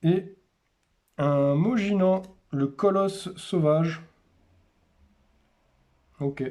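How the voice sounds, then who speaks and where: Male host, casual unboxing commentary, slow delivery, names items one by one. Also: fairly high pitch, dark tone. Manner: names cards one by one in short, unhurried remarks. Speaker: host opening a card display.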